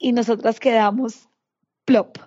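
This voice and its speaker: A Colombian woman with a paisa accent tells a heartfelt family story, slipping into the voices of her relatives as she goes. Her voice is mellow and warm. The recording sounds a little dull and lo-fi. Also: on the high side, a little slow. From Colombia, Antioquia region. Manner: animated, acts out quoted relatives. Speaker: interview guest, mother. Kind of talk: emotional personal storytelling.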